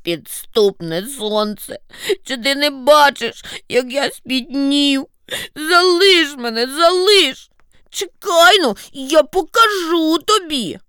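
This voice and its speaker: A woman voicing a grumpy, bossy old male snowdrift with a low grumbling voice, rude and scolding. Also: lively intonation, slow pace, bright, forceful tone, dry recording, clean studio sound, exaggerated voice. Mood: pained.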